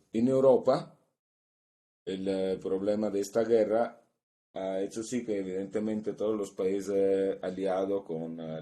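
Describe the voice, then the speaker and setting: Through a video-call mic, the low, mellow voice of an Italian seminar presenter, Italian-speaking from birth, carries an academic conference presentation. He reads from notes in a measured manner, stopping at times to find the right word.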